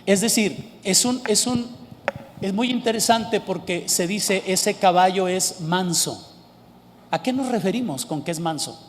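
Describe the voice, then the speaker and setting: A man preaches emphatically, putting questions to the congregation. His voice sits high for a man. A long reverb from the hall trails after his words. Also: lively intonation, unhurried, slight background noise. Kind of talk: sermon.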